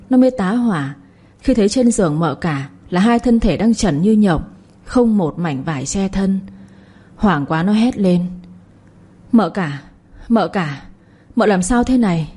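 Husky woman storyteller. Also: on the low side. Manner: steady reading, voicing every character. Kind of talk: scripted story narration.

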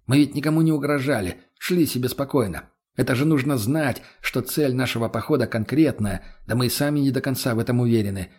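Guy reading an audiobook first person, husky voice, steady and plain. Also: medium pitch, a little fast, few pauses. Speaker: audiobook narrator.

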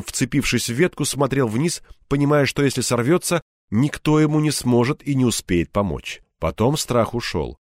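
A male audiobook narrator with a measured, expressive reading style. His pitch moves a lot across each phrase. The voice is recorded close and dry, with no room sound. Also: no room sound. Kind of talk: scripted narration.

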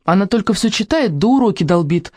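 A reader voicing Lyusya, a lively, impulsive young girl in an audiobook who exclaims and jumps from topic to topic. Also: mid-range voice, brisk, no room sound, clean studio sound, pitched above the performer's own voice, close to an everyday voice. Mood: chattering. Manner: excited, exclaiming, jumping between topics. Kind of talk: audiobook character reading.

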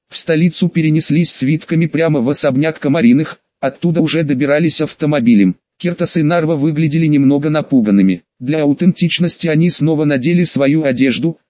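A man narrating a fantasy audiobook, reading every character in one steady voice. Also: on the high side, dry recording, lo-fi sound.

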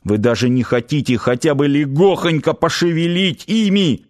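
A man voicing a blunt, stubborn young Saami man in an audiobook, his lines raised in pitch and often shouted. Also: unhurried, close to an everyday voice. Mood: furious shouting. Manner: pleading then shouting angrily. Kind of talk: audiobook character voice.

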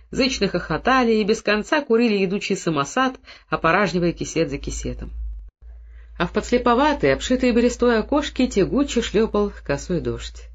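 A man narrating a novel in a measured, descriptive audiobook reading. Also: high voice, highs cut off. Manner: measured, descriptive, plays every character.

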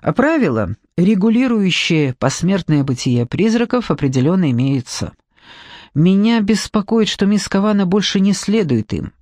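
A man's voice: high-pitched, very animated, moderate pace, darkish tone, dry recording, clean studio sound. A man voicing an eccentric, brusque male paranormal detective in an audiobook, lecturing and dryly sarcastic. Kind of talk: audiobook character reading.

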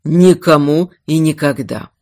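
A woman voicing a strong noble duke who speaks low, steady and curt. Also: a little slow. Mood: protective. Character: protective noble duke, strong and calm man.

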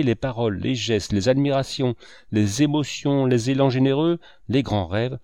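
A man's voice: mid-range voice, darkish tone, no echo, studio quality, lightly acted. A man voicing a sardonic older cynic who lectures his friends on money in a sweeping, declamatory way.

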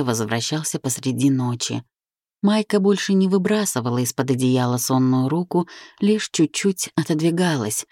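A woman narrating a literary audiobook in a calm, measured way. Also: sits low, dry recording, clean studio sound. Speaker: audiobook reader.

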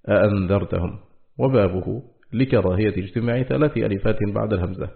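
A man with a low, gravelly voice reads a classical text in a steady, formal manner. The sound is thin and phone-like, as if captured on a tinny lo-fi line. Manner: steady, formal recitation of terms. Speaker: audiobook reader. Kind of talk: measured reading of a classical text on Quran readings.

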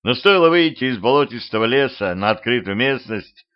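Guy reading a spooky funny audiobook at home, even voice, kinda muffled. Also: mid-range voice, a little fast, clean tone. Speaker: audiobook narrator. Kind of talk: scripted narration. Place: home recording. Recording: dull lo-fi home recording.

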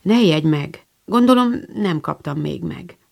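A woman reading the part of a gentle, shy teenage girl in a storybook, speaking softly and subdued. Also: low-pitched, expressive, creaky, heavily acted. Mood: sad.

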